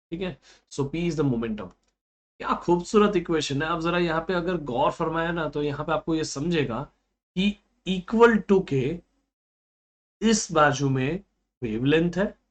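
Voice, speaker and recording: A man with an Indian accent teaching a physics lesson for exam students, mixing Hindi and English and answering his own questions to the class. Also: a little high.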